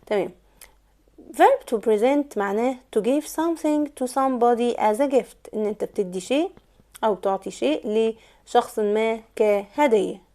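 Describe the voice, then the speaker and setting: A woman with an Egyptian Arabic accent gives an English lesson in a fairly high but mellow voice. She slows right down to repeat example words, leaning on each stressed syllable. Her delivery is patient and explanatory. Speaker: English teacher. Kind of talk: online language lesson.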